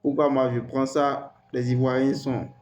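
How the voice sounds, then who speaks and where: A man hosting a screen-recorded software tutorial, talking hesitantly and repeating words as he types. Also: medium pitch, little pitch movement, unhurried, dull audio, slight background noise. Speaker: tutorial host.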